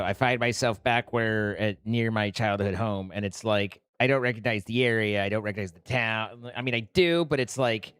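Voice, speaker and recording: A game streamer with a smooth, clean, mid-pitched voice, recorded dry and close to echo-free. The commentary is casual and wandering, full of musing asides and self-deprecation. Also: a bit bright.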